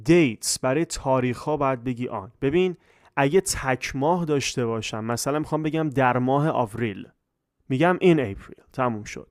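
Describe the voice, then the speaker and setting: A man teaching English grammar in Persian, slowing down for English examples and often asking his listeners if they follow. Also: medium pitch, no echo, clean studio sound. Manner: repeats check questions, slows down for English examples.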